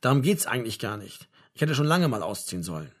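A man's voice: medium pitch, sing-song, fast. A man playing a wry, dryly provocative son of twenty. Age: 20s. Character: dry, wry twenty-year-old son.

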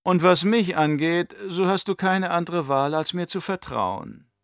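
A man voicing a scheming old baron with a slow, mocking, condescending delivery in an audiobook. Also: high-pitched, lively intonation, fairly bright tone, smooth, dry recording, studio quality, pitched above the performer's own voice, full character voice. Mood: menacing. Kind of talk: audiobook character voice.

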